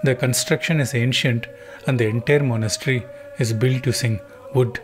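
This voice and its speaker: A man narrating a travel documentary in a calm, even, scripted voice-over. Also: mid-range voice, normal speed. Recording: voice-over with music underneath.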